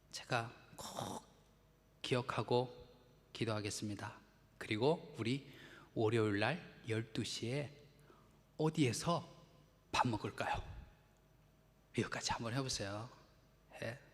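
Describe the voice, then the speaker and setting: A man's voice: medium pitch, vocal fry, big-room sound. A man preaching a Sunday sermon, conversational, acting out little quotes and asking the congregation questions. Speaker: pastor. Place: church sanctuary.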